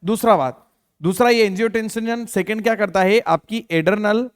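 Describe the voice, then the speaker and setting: A man's voice: high-pitched, normal speed, clean tone, no room sound, studio quality. A man teaching a biology exam-prep lesson. He asks his students questions, answers them himself, and keeps repeating the key terms with lots of fillers. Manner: calls listeners beta, many fillers like theek hai. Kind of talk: Hindi exam-prep lecture.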